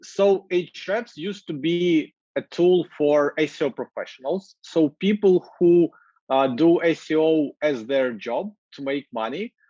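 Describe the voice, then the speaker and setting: A man in his thirties with a Ukrainian accent talks energetically, with a slightly higher voice. He talks over earbuds on a video call, so the sound is dry and a little muffled. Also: a little slow, no echo. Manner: energetic, gestures while talking, many fillers. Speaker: marketing executive guest. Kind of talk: casual interview talk. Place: office with glass walls, indoors. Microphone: wireless earbuds on video call.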